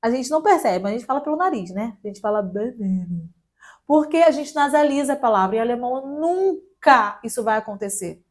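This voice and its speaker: A young Brazilian woman giving a casual online German lesson, spelling letters out slowly and adding light jokes. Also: sits high, animated. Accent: Brazilian Portuguese. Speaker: German teacher.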